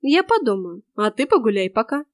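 A woman's voice: on the high side, big pitch swings, fairly quick, no room sound, studio quality. A woman doing a haughty, capricious young maiden.

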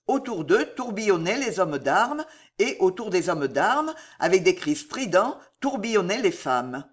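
An audiobook narrator reading a historical adventure novel in a measured, expressive storytelling manner. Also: mid-range voice.

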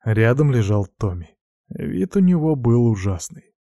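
Man, audiobook narrator, steady delivery, mellow low tone, dry close sound. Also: unhurried, no room sound. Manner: steady, even storytelling with dramatic sound words. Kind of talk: audiobook narration of fantasy fiction.

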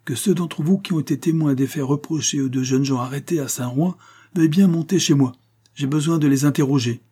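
A man voicing a jovial, sturdy middle-aged village mayor who questions people briskly. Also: mid-range voice, animated, warm tone, husky, voice pushed up.

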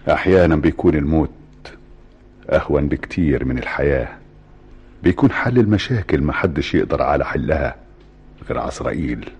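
A man's voice: very deep voice, lively intonation, fairly quick, pauses often, a little mellow, husky, muffled recording, heavily acted. An actor with an Egyptian accent playing a cold, grim father who disowns his son in a radio drama. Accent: Egyptian Arabic.

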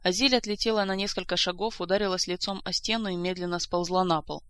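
An audiobook narrator reading a fantasy story with lively storytelling. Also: medium pitch, fast talker, clear, resonant tone. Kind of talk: scripted narration.

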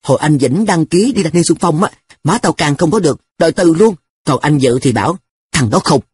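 Breathy raised-voice schoolboy, nonchalant slacker, read by a man in an audiobook. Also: a little high, expressive, fairly quick, darkish tone. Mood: offhand. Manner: offhand, nonchalant. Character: stubborn carefree schoolboy who shrugs off studying.

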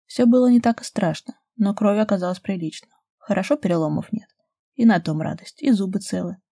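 Woman narrating an audiobook, husky. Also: mid-range voice, fairly quick, mellow, dry recording, studio quality. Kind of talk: scripted narration.

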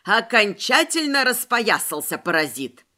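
A booming, bossy middle-aged neighbour woman rants with stern indignation in a storybook reading, as a woman narrator puts her on. The voice drops lower and pushes louder than the reader's own, with lively swings of pitch. It sits bright and forceful. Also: a little slow, heavily acted. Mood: indignant ranting.

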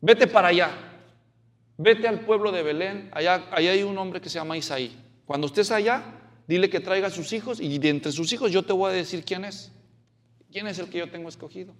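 A man's voice: sits high, fairly quick, close to an everyday voice. A man voicing God, who gives a prophet direct, colloquial commands in a sermon retelling. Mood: commanding. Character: God speaking plainly to a prophet, male.

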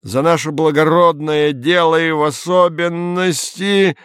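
A young Soviet scientist pushes his point loudly and insistently, voiced by a man reading the story. His voice sits above the reader's own. The recording is dry and close. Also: a little high, lively intonation, measured pace, dry recording, pitched above the performer's own voice. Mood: heated. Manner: shouting, heated and insistent.

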